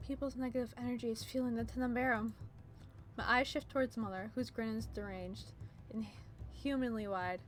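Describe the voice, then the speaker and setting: A woman's voice: on the high side, fairly even intonation, fairly quick. A woman reading a visual novel as its narrator, mixing dramatic storytelling with casual commentary.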